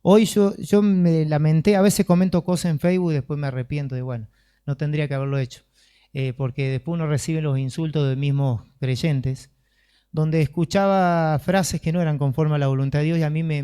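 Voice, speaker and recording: A man's voice: on the high side, steady tone, a little fast, dark tone, clean tone. A man preaching a sermon and leading a closing prayer, in an earnest, conversational way.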